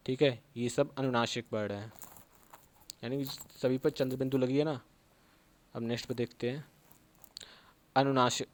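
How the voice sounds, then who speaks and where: A man with a Hindi accent from Uttar Pradesh explains Sanskrit grammar in an exam-prep lesson. He has a mid-pitched voice and goes over each term again and again, often pausing to check that his listeners follow. The recording is close and dry, with no room sound. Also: no echo. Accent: Hindi speaker from Uttar Pradesh. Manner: repeats key terms and checks in with "theek hai". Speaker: Sanskrit teacher.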